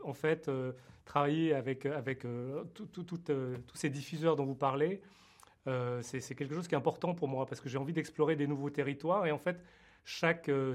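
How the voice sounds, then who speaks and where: A French-born man who created a TV series, answering interview questions hesitantly with many fillers and restarts. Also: fairly high pitch. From France.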